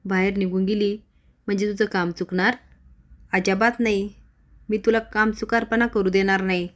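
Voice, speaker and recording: A scheming village woman turns flustered and quick when questioned, as a storyteller reads her part. She is nervous but sly in this serial recap. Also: medium pitch, flat delivery, close to an everyday voice.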